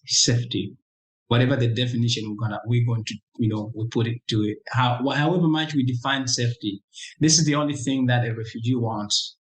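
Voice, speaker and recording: A young man from Congo, an interview guest, telling his own story in a reflective, halting way with frequent restarts. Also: mid-range voice, rough recording. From Democratic Republic of Congo. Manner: reflective, halting, many restarts and "you know".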